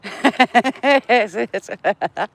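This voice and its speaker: A woman's voice: fairly high pitch, extremely slow, vocal fry, no room sound. A woman with a northern English accent, chatting to her viewers by name while walking outdoors in the countryside. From England. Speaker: vlogger. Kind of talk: casual live-chat walk vlog.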